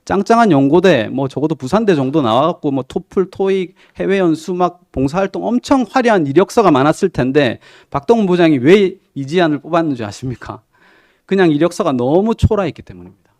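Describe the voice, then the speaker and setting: A man's voice: a little high, animated, a little fast, a little mellow, no echo. A man who is a pastor, preaching a sermon in a conversational storytelling way and asking the congregation questions. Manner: storytelling, retelling a TV drama with quoted lines. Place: church sanctuary.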